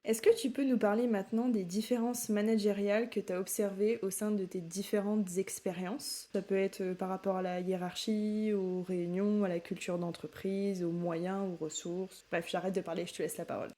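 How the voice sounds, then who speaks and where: Mellow-voiced woman interviewer. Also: mid-range voice, normal speed, few pauses. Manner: relaxed, conversational questions. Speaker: podcast host. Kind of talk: casual interview.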